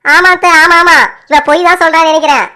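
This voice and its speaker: A woman's voice: extremely high pitch, steady tone, fast talker, pushed and bright, slight background noise. A woman voicing a suspicious daughter-in-law who confides her doubts to her mother-in-law. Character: suspicious young wife, gossiping to mother-in-law.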